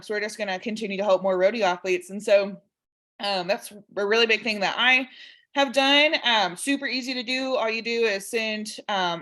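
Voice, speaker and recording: A woman's voice: medium pitch, fairly bright tone. Chatty woman with a West Texas twang. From West Texas, United States. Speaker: podcast guest, dietitian and rodeo athlete. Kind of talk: casual conversational interview.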